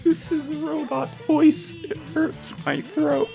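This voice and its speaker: A woman putting on a mock robot voice in strained vocal fry during joking podcast banter. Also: sits high, slow, music in the background, full character voice. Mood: mock robotic.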